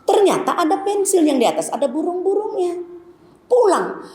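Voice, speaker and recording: A woman's voice: extremely high pitch, sing-song, normal speed, a little mellow. A middle-aged woman gives a conversational Islamic lecture to women, telling stories and addressing them directly. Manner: chatty, storytelling, addresses the women as "Bu". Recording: echoey hall, faint background noise.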